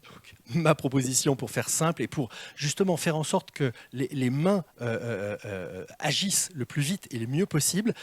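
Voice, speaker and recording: A man coaching a live audience on presentation skills, in a lively, theatrical way, asking them questions as he goes. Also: mid-range voice, dry recording. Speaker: communication trainer. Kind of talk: live workshop talk to an audience. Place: meeting room with an audience. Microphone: handheld mic.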